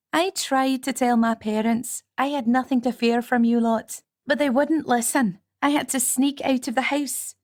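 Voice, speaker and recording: A man voicing a young, formidable witch woman with a Scottish accent, chiding in brisk dialect, for an audiobook. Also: very high-pitched, pitched above the performer's own voice. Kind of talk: audiobook character voice.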